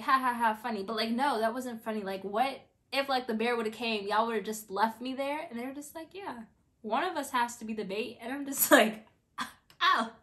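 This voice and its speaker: A young woman in her twenties telling a story in a casual, animated way, acting out her own quotes with lots of filler words. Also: on the high side. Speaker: vlogger.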